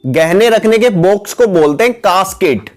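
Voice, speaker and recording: An English teacher with a high-pitched voice reads a picture vocabulary lesson at a moderate pace, in an even, patient rhythm. He steadily names item after item, occasionally calling his viewers "guys," while faint background music plays beneath his close-miked voice-over.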